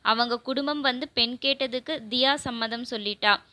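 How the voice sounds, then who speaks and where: A calm, fair-minded older man, as a woman reader puts him on in an audio novel. He asks his questions in a measured way. The voice is bright, a little high, and dry. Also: no room sound.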